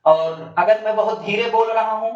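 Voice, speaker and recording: Man teaching in an echoey room. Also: normal speed. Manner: asks questions and answers them himself in a lower voice; addresses students as bhaiya and bachche. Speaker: physics teacher. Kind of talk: recorded classroom lecture. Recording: distant, echoey, dull classroom recording.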